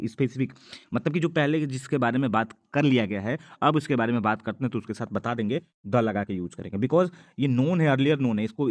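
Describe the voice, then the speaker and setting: A man's voice: medium pitch, darkish tone. A man teaching English grammar, patiently asking and answering his own questions as he explains. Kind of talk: grammar lesson in Hindi.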